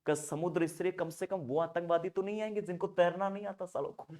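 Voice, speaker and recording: A young man teaching nursing pharmacology in Hindi slang, joking and acting out little dialogues, often shouting. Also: high-pitched, steady tone, a little fast. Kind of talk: animated classroom lecture.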